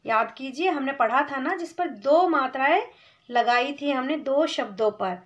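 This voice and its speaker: A woman with a high, bright-pitched voice teaches young children to read, moving at an unhurried pace and pausing to sound out each syllable clearly. She keeps checking in with her young listeners, and the recording sounds slightly dull and lo-fi. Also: lively intonation. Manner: addresses listener as "beta", checks in with "theek hai" often. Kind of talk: slow patient classroom explanation.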